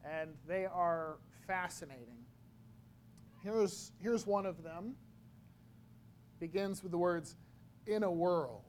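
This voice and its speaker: Slow, halting high-voiced preacher man. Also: slight background noise. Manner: slow, halting delivery with frequent repeated words. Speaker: pastor. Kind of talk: sermon.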